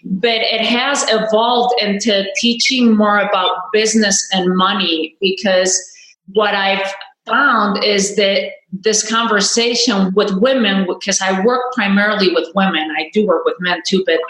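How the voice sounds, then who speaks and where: A woman's voice: medium pitch, steady tone, a little slow, a bit bright. A woman in her forties from Spain, telling her career story as a podcast guest in an open, chatty way. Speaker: guest, business coach. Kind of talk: casual interview talk. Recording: roomy echo.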